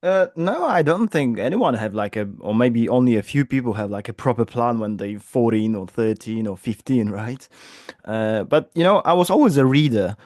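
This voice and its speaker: A man's voice: medium pitch, lively intonation, normal speed, darkish tone, dry recording, studio quality. A man in his thirties from Poland with a Polish accent, an interview guest speaking in an upbeat, chatty way with many fillers. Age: 30s. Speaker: guest, business coach. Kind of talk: casual interview talk. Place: home office in London.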